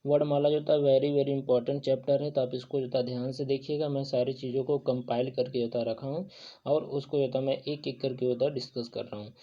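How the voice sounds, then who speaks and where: A man's voice: medium pitch, level tone, a little fast. Man teaching with constant verbal fillers. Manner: filler-heavy, repeats "jo tha" and "jo hota hai". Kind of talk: exam-prep lesson. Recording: dull lo-fi sound.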